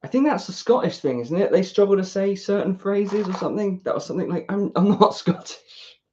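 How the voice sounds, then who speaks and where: A woman's voice: medium pitch, fast, dark tone, slight background noise. A British woman chatting casually to herself in a self-deprecating ramble as she builds a model kit. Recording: dull lo-fi recording.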